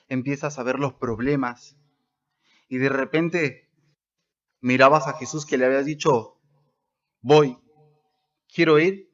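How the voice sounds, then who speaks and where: A man's voice: mid-range voice, fairly bright tone, dull audio. A man preaching a sermon as pastor at a church service, stressing words by rising and dropping his voice.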